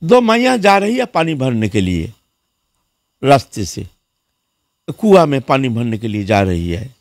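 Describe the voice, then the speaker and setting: A man's voice: medium pitch, unhurried, no echo, studio quality. A man giving a devotional sermon as a monk, telling stories and acting out the people in them, often saying "haan". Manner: lively storyteller who acts out the people in his story; repeats words and fills with "haan". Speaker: monk preacher.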